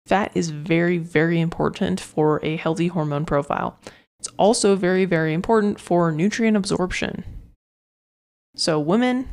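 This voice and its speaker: A woman fitness coach talks through her solo podcast in a loose, rambling way, full of fillers and restarts. Her voice sits a bit low and has a gravelly, fry-tinged edge. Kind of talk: casual solo podcast talk.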